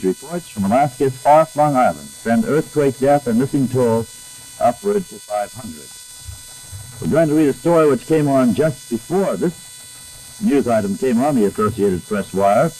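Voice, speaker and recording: A man's voice: mid-range voice, mellow, breathy edge, low-quality recording. A man reading wire news bulletins on air as a radio announcer, heard as an old 1960s broadcast recording with electrical hum. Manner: measured, grave, deliberate reading. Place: radio studio.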